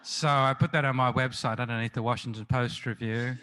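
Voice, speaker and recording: A man's voice: medium pitch, steady tone, fairly quick, pushed and bright, a little hiss or hum. A middle-aged man, a crime novelist being interviewed, telling anecdotes in a chatty, self-deprecating way full of restarts and fillers. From Australia. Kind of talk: festival interview, anecdotal storytelling.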